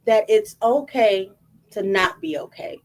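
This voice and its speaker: A woman's voice: mid-range voice, unhurried. A woman guest in a casual interview, talking earnestly and reassuringly about helping people. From Dallas-Fort Worth area. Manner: earnest, affirming.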